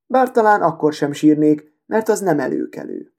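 A man's voice: a little high, sing-song, gravelly, a little mellow, full character voice. A man voicing a vain, haughty female sewing needle who talks in a proud, affected, self-important way. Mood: proud, dreamy.

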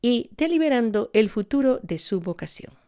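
A woman hosting a religious talk show, gently and formally interviewing a guest. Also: fairly high pitch, expressive, normal speed. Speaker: host.

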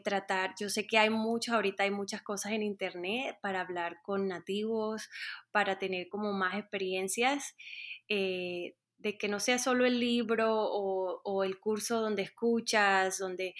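Earnest coastal woman, halting. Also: mid-range voice, bright, forceful tone. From Colombia, Caribbean coast. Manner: earnest, halting, with many fillers and restarts. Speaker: interview guest, music teacher. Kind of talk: casual interview answers.

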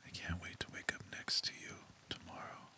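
A man speaking in a soft, tender, intimate whisper as if close to the listener's ear, in an ASMR roleplay. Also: fairly quick.

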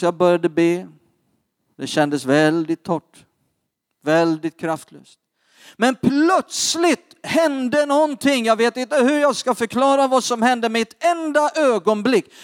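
Man, preacher, high voice, dramatic testimony, dry close sound. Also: no echo. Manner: dramatic, swings between hushed asides and loud fervent peaks. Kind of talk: sermon testimony.

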